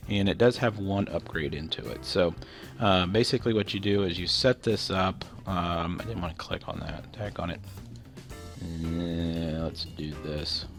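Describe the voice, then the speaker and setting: A gameplay commentator with a cold-stuffed, nasal voice talks casually through his game, his explanations loose, rambling and full of fillers. His voice sits low at a measured pace, with faint music behind it.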